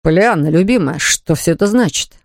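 A woman's voice: fairly low pitch, lively intonation, brisk, no echo, clean studio sound. Woman voicing an ardent young man. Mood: urgent. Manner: earnest, reassuring.

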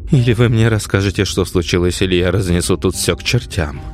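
A man voicing a frantic young woman hunting for her missing son, pleading and close to shouting in an audiobook. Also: sits low, brisk, soft background music, natural voice. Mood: desperate. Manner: pleading, strained, on the edge of shouting. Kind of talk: audiobook character voice.

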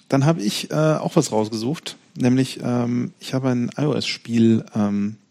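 A man chats casually on a podcast, pausing often and restarting his sentences as he works out what to say. His voice has a gravelly edge and a dark, mellow tone. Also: mid-range voice. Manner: hesitant, many fillers and restarts, thinking aloud. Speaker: podcast co-host. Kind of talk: casual chat.

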